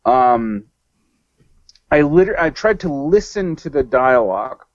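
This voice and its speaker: A man's voice: on the high side, big pitch swings, unhurried, dry recording. Rambling man on a dull, dry line. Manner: rambling, with many restarts and self-corrections. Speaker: podcast guest. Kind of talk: casual film discussion.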